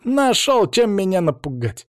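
A man's voice: high-pitched, very animated, measured pace, no echo, clean studio sound, voice pushed up. A man voicing a cheeky street urchin boy. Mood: boastful. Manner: eager, boyish, exclaiming. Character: scrappy ragged street boy, cheeky and pleading.

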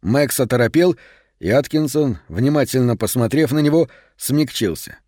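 A man reading a dark fantasy audiobook in a steady, measured narration. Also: medium pitch, no echo, clean studio sound. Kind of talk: scripted narration.

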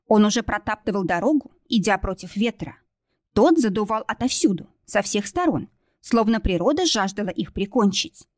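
A woman's voice: medium pitch, expressive, normal speed, darkish tone, no echo, studio quality. A woman reading a novel aloud as narrator, in a tense, dramatic storytelling manner. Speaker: audiobook narrator.

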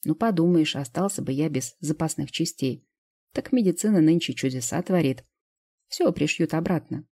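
Low, husky woman narrator. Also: animated, moderate pace, warm tone. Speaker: audiobook narrator. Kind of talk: scripted first-person narration.

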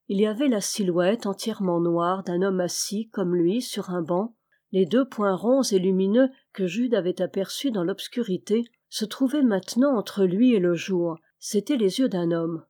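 A woman narrating an adventure novel as an audiobook, steady and clear. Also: mid-range voice. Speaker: audiobook reader. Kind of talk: scripted narration.

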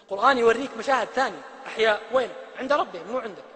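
A man's voice: very high voice, lively intonation, rapid-fire, bright, forceful tone, big-room sound. A man preaching a religious lecture, emphatic and full of rhetorical questions.

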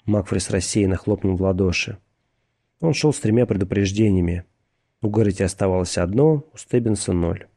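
Gravelly low-voiced male audiobook narrator. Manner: measured, steady reading.

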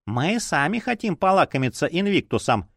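A man's voice: a little high, very animated, normal speed, creaky, a bit bright, no room sound, studio quality, pitched above the performer's own voice, full character voice. A man voicing a shrieking, hungry living card. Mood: menacing. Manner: gleeful, hungry. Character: shrieking male predatory living playing card.

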